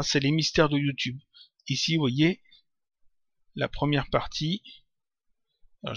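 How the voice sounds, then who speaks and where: A man answering viewer questions in a casual software tutorial, talking hesitantly with many fillers and restarts. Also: mid-range voice, dry recording, muffled recording. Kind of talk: casual screen-recorded Q&A.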